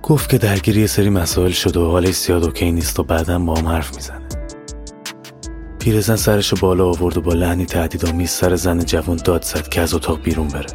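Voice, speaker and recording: A man narrating a scripted horror story in a steady, matter-of-fact way. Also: deep voice, soft background music. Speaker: narrator and writer.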